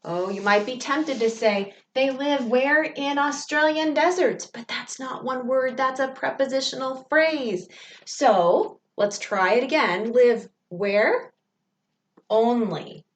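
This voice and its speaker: A woman's voice: on the high side, slow pace, echoey room, recorded from a distance, a little hiss or hum. A woman teacher, patiently asking questions as she takes her pupils through a remote grammar lesson.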